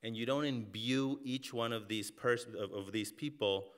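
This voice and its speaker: Speaking during a live panel, this director of film and television from Mexico has a smooth, fairly bright, medium-pitched voice and a normal pace. His reflective remarks are peppered with "you know" fillers and restarts.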